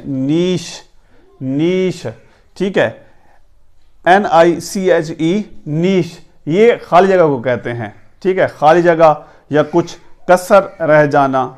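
A man's voice: fairly high pitch, darkish tone. Urdu-speaking man spelling out English words. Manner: spells words letter by letter and repeats them. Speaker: English pronunciation teacher. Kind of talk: Urdu language lesson.

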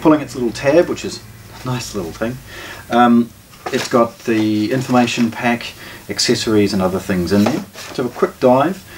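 A middle-aged man with a medium-pitched voice at normal speed gives unscripted unboxing commentary as a shop presenter and product reviewer. He's in a small indoor listening room with shelves, captured by a distant camera mic with background noise and clicks.

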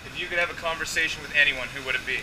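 A man behind the camera asking brisk, upbeat interview questions on a cruise ship. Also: a little high. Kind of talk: quick-fire interview questions. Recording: noisy ship ambience.

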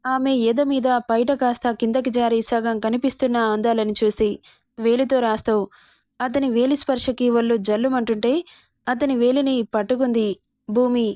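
Fairly high-voiced woman storyteller. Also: normal speed, dry recording, clean studio sound. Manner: steady, expressive narration. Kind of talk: reading a romance story aloud.

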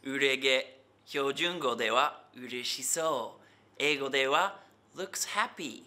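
A man's voice: medium pitch, takes it slowly, pushed and bright, faint music behind. A man teaching local dialect phrases in a comic lesson, drilling each phrase with a cheerful repeat.

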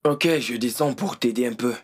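A man dubbing a film role, speaking in a casual, unhurried way. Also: medium pitch, steady tone, husky, natural voice. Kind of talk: dubbed film acting.

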